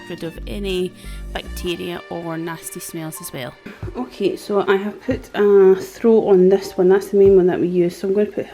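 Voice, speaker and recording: A woman with a hoarse, half-lost voice giving a chatty, upbeat running commentary while cleaning her home for a vlog. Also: fairly low pitch. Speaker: cleaning vlogger. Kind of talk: casual vlog chat.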